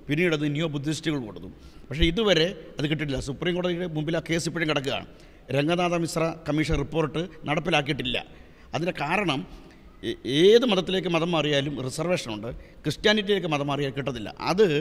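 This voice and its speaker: A man speaking for a church on a discussion panel, explaining at length in a measured way with filler sounds. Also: fairly high pitch, a bit bright, in a large hall. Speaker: church spokesman.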